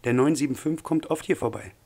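A man voicing a curt, defiant young male worker with a husky voice. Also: medium pitch, brisk, a little mellow, close to an everyday voice.

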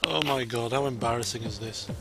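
A man giving casual let's play commentary with a slightly croaky voice, muttering asides and exclamations as he plays. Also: mid-range voice, brisk. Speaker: gaming video host. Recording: loud game music and sound behind. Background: video game music and sound effects.

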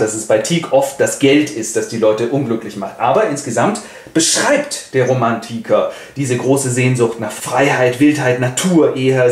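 Give me a playful man retelling a classic tale in a lively voice, in an echoey room. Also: medium pitch. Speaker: host. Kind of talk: comic literature retelling.

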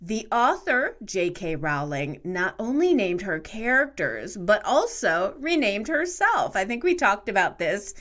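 A woman's voice: mid-range voice, very animated, measured pace, few pauses, fairly bright tone. A woman co-hosting a podcast, talking casually and laughing easily. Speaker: podcast co-host. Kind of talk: casual chat.

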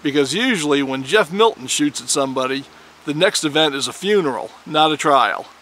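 A man's voice: on the high side, animated, brisk, fairly bright tone, slight background noise. A man doing a wry old frontier judge. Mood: wry amusement. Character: amused old frontier judge, good-humored male.

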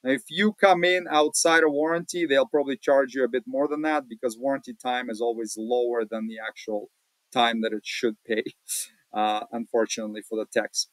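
A man hosting a casual screen-share walkthrough, talking in a relaxed, plain-spoken way with many fillers, recorded at a home desk. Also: mid-range voice, fairly quick, no echo, low-quality recording. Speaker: automotive channel host.

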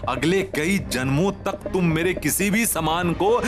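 An actor playing a sly, melodramatic uncle who stammers and pleads with theatrical self-pity, in a TV comedy drama with music underneath. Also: male voice, a little high, unhurried, natural voice. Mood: menacing. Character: sly middle-aged uncle, melodramatic schemer. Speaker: scheming uncle. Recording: background music under dialogue.

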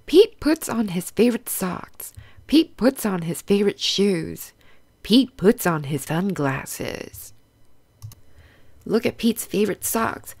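A woman narrates a children's read-aloud at an unhurried, animated pace, using simple teaching phrases and asking young listeners questions. Her voice sits at medium pitch with a creaky quality.

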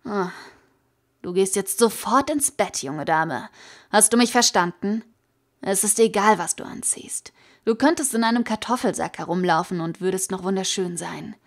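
A woman reading the part of a calm, caring teenage boy in a fan audiobook, speaking softly, at times almost in a whisper. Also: medium pitch, unhurried, lightly acted. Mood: firm.

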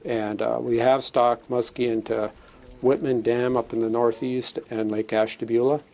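A man's voice: medium pitch, little pitch movement, normal speed, a little mellow, soft background music. A middle-aged man, a fisheries chief explaining new rules in a plain, matter-of-fact way, with fillers and restarts, on a lapel mic in a studio. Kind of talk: studio interview, explaining regulations. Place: studio set, indoors.

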